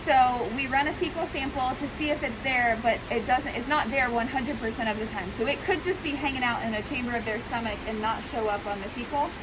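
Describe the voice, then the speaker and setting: A woman explaining animal treatment casually and informally, her voice slightly muffled by a face mask. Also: on the high side. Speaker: veterinary professional treating goats. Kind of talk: casual explanatory talk to camera. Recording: noisy, steady rushing background hiss.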